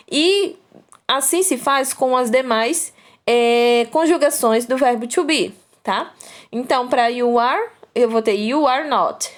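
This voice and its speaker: Slow, patient Brazilian woman teacher. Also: fairly high pitch. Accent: Brazilian Portuguese. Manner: slow, patient explaining with frequent "tá?" checks. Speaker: English teacher. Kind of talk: recorded online lesson.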